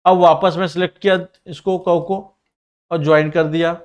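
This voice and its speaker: A man with a slightly high voice walks students through a ring design in CAD software, narrating each click and command as he goes. He explains plainly and directly to his learners, with a Mumbai Hindi accent. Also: little pitch movement, clear, resonant tone. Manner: says he sometimes talks fast. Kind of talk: screen-recorded software tutorial.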